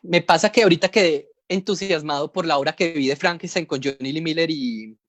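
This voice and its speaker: A man's voice: on the high side, brisk, fairly bright tone, dry recording. A Colombian man, a comics editor, talking casually over a video call, rambling and explaining things step by step. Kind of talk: casual panel talk.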